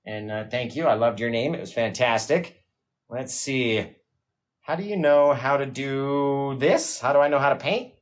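A man's voice: medium pitch, a little slow. Chatty man hosting a painting livestream. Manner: chatty, reads out viewer comments. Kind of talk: casual livestream chat. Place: home studio, hot room.

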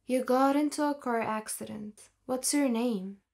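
A woman narrator voicing a hospital nurse who speaks softly and matter-of-factly. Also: a little high, a little slow, vocal fry. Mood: calming.

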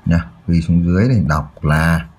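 A man's voice: low-pitched, moderate pace, darkish tone, a little hiss or hum. A man tutoring children through a math exercise, explaining step by step and often checking that they follow. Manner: checks in often with "được chưa?".

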